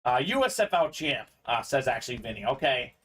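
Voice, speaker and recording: With a mid-range, fairly bright voice, this Bulgarian sports card break host sounds very animated and talks a little fast. He keeps up upbeat live-stream sales patter during a sports memorabilia break, reading viewer comments aloud as he goes. There's slight background noise.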